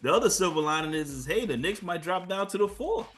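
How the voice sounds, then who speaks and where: A man's voice: sits high, animated, quick pace, fairly bright tone. A man co-hosting a sports podcast in casual chat, joking and sarcastic, often stumbling and repeating words. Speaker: podcast co-host.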